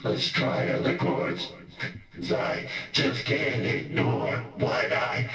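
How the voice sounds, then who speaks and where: Guy doing a slow robot-filter voice, goofy rhymes, echoey room. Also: medium pitch, fairly even intonation, creaky, a bit bright, pitched above the performer's own voice. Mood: rapping. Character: rambling robot-voiced male alter ego. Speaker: livestream host. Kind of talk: half-rapped livestream rambling.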